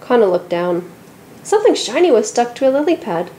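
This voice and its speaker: A woman reading a children's picture book aloud, telling the story in a lively and expressive way. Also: on the high side, brisk, a little hiss or hum, low-quality recording. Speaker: storybook reader.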